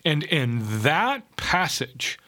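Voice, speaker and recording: A man's voice: a little high, very animated, very slow, pushed and bright. A man co-hosting a casual podcast, explaining scripture with quoted verses and self-mocking humor. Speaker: podcast co-host. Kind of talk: casual theological discussion.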